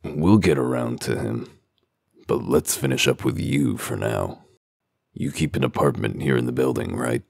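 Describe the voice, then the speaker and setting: Very deep, gravelly wolf detective. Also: male voice, moderate pace, darkish tone, no echo, heavily acted. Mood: probing, dry. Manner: dry, sardonic, interrogating. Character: gruff, world-weary wolf detective in human form. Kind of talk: comic dub detective drama acting.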